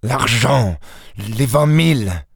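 A man's voice: medium pitch, a little slow, darkish tone, no room sound, clean studio sound, natural voice. Guy doing bitter desperate thief, short blunt lines, audiobook. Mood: greedy, furious. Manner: blunt, clipped, resentful. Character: desperate cornered male safecracker, bitter. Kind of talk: audiobook character reading.

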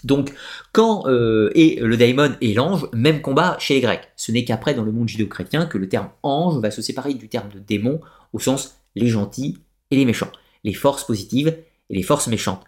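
Guy doing a live stream, middle-pitched voice, explains stuff and stops and restarts a lot, reads out chat comments. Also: animated, normal speed. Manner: digressive explainer with frequent hesitations.

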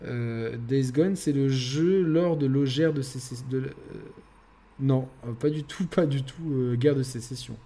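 Unhurried and medium-pitched, this podcast host rambles through a casual gaming show, full of filler words, now and then growing excited and laughing.

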